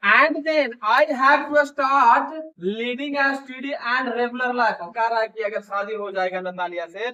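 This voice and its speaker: A man teaching an English lesson, reading English lines slowly and loudly, then explaining them in casual Hindi. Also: high-pitched, recorded from a distance, muffled recording.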